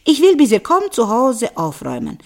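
A woman voicing a foolish, cheerful young peasant wife in a storybook tale, talking in a shrill, gleeful singsong. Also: sing-song, slow, sharp tone, full character voice. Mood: grateful.

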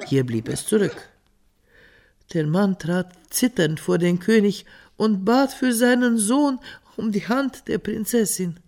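Slow fairy tale reader, really lively up and down voice. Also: mid-range voice. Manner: slow, expressive narration. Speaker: storyteller.

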